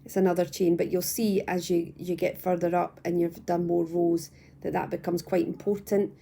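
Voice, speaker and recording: A young woman from the UK calmly walking viewers through crochet stitches step by step at home, patient and repeating herself as she goes. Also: lowish voice, normal speed, vocal fry. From United Kingdom. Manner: calm, patient, repeats and restarts phrases. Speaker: crochet tutor. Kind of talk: step-by-step craft tutorial. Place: at home, indoors.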